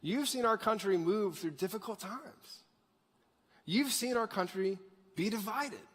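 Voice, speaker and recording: Husky thirty-year-old preacher in a reverberant hall. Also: male voice, high-pitched, unhurried, fairly bright tone. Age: 30s. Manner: conversational, asks the crowd for raised hands. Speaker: pastor. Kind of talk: sermon. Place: large church sanctuary.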